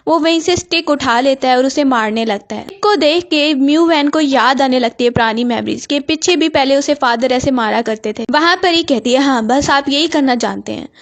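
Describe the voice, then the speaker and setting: High-voiced woman recapping a drama. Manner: brisk storytelling, mixing English words into Hindi. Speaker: movie recap narrator. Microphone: voice-over.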